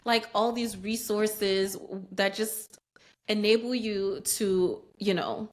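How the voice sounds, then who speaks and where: A woman's voice: mid-range voice, fairly even intonation, slow pace. Woman, podcast guest, casual interview, thoughtful, many ums. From Nigeria.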